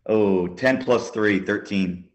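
Low-voiced male player in a tabletop game, walking through his moves with lots of fillers. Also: slow. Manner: describes actions step by step, with fillers.

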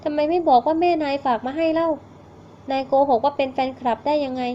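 A woman's voice: sits high, steady tone, quick pace, dark tone, a little hiss or hum, lightly acted. A woman voicing a petulant, hot-tempered young male actor in a storybook reading, on a slightly muffled recording. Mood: angry. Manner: petulant, complaining.

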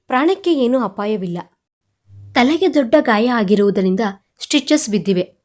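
A woman narrating a serialized romantic audio story in an expressive, dramatic way. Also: on the high side.

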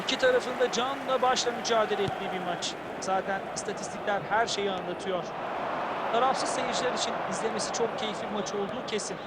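An actor as a high-voiced male football pundit. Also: quick pace, close to an everyday voice. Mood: measured. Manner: opinionated, full flowing sentences. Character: male football pundit, opinionated, enthusiastic analyst. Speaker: co-commentator, match analyst. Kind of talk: football video game colour commentary. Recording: loud stadium crowd and noise. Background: roaring football crowd.

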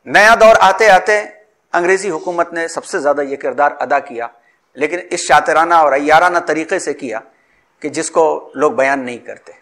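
A man giving a formal history lecture in measured, elaborate phrasing, sometimes restarting words mid-sentence. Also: fairly high pitch, fairly bright tone.

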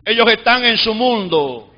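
A man preaches with a very high, piercing voice, climbing into shouts and then dropping to near murmurs. The live church recording sounds dull and lo-fi. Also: expressive, unhurried. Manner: preaching with loud shouted peaks and sudden drops to a low murmur. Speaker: pastor. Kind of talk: fervent sermon. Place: church sanctuary.

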